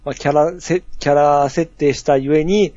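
Male podcast co-host, agreeable and easygoing, husky, slightly dull sound. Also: a little high, fairly even intonation, normal speed, warm tone, no room sound. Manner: easygoing, agreeable with many short replies. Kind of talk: casual chat.

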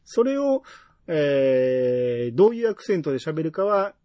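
A man's voice: fairly high pitch, a little slow, no echo. A man with a Kansai accent, hosting a casual podcast chat and reading listener mail aloud. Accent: Kansai Japanese. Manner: relaxed, musing, reads listener mail. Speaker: podcast host.

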